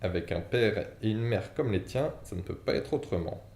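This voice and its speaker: A man voicing a huge, quick-tempered male half-giant gamekeeper, booming and indignant, in an audiobook reading with character voices. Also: expressive, gravelly, a little mellow. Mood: gruff. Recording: echoey room, faint background noise.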